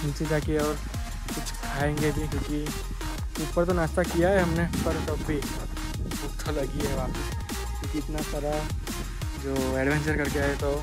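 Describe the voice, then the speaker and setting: A young man vlogs outdoors on a temple hill, speaking to a handheld camera in a loose, conversational way. His voice sits slightly high and stays fairly level. Music plays steadily under his talk. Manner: chatty, addresses viewers as guys, mixes in English words. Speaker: travel vlogger. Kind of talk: casual walking vlog to camera. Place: outdoors on a hilltop temple trail.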